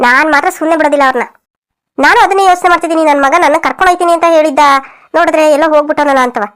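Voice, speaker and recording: Woman voicing cartoon village women, scolding, dramatic, high voice, quick talk. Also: fairly bright tone. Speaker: voice actor for several cartoon women.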